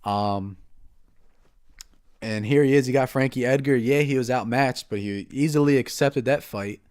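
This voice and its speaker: A man in casual sports-podcast chat with an average pitch. He hesitates, repeats himself, and lets his sentences trail away quietly. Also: normal speed, clear, resonant tone. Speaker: podcast co-host.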